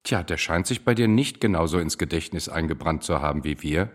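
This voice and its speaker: A man playing a condescending, dismissive authority figure from schooldays in a radio drama, with a husky voice. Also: low voice, lively intonation, fairly quick. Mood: dryly patronising. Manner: patronising.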